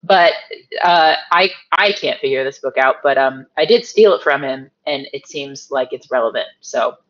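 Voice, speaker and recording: A woman's voice: extremely low pitch, expressive, moderate pace, muffled recording. A woman playing in a tabletop game, describing her character's actions hesitantly. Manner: hesitant, stumbling. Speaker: player.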